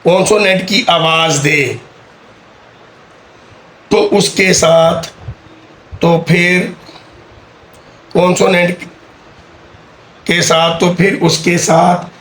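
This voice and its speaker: Slow-paced teacher with a high, flat voice. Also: male voice. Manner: slow, patient, repeats key words. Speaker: English teacher. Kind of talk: explaining a grammar lesson. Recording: echoey room with faint background hum.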